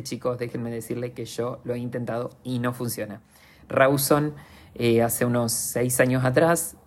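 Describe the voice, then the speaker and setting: An Argentine-accented podcast host talks straight to his listeners in an earnest, confessional monologue of reflection. His mid-range voice has a slightly mellow quality.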